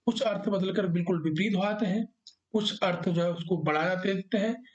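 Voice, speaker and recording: A teacher gives a spoken lecture at a middling pitch, working through each idea step by step. The delivery thinks aloud and leans on examples to make each point clear. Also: moderate pace, dull audio. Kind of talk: spoken lecture on language and meaning.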